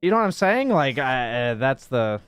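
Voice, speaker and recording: A man's voice: mid-range voice, big pitch swings, normal speed, smooth, dry recording. A young man, a game coach, chatting casually to his stream viewers, explaining ideas in a rambling, reflective way full of fillers.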